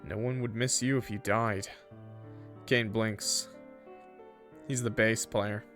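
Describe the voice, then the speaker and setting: A man streams himself reading a visual novel aloud, mixing the narration with informal, sweary, joking asides to viewers in a let's-play style. His fairly low voice is steady and a bit bright, and he takes it slowly. Soft music plays in the background.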